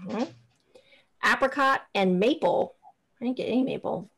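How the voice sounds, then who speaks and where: A woman's voice: fairly high pitch, moderate pace, fairly bright tone, slightly rough. A woman co-hosting a casual podcast, leading a whiskey tasting and talking in a loose, chatty way full of "like" and restarts. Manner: chatty, lots of "like" and restarts while describing flavors. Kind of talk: casual chat.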